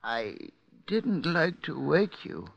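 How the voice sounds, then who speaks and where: A man's voice: a little high, very animated, slow, creaky, no echo, highs cut off, heavily acted. An actor playing a frail, despairing older male prisoner with a quavering voice in a radio drama. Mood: weary. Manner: fearful, quavering.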